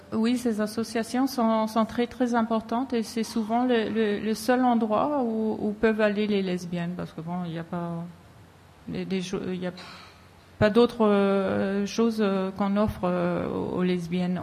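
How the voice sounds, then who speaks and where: A woman speaking off the cuff at a public discussion, very haltingly, with long hesitations and broken phrases. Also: mid-range voice, a little mellow. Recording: echoey hall with long reverb.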